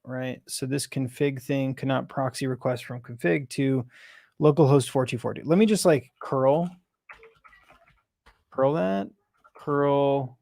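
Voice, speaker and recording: Developer, male, halting think-aloud while debugging, dry close sound, unhurried. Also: mid-range voice, vocal fry, darkish tone, dry recording. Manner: halting, self-questioning, many restarts. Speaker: software developer.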